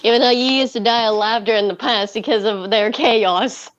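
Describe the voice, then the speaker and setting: A woman's voice: fairly high pitch, normal speed, highs cut off. A woman streamer in casual live-stream chat, playful and cooing at her dogs.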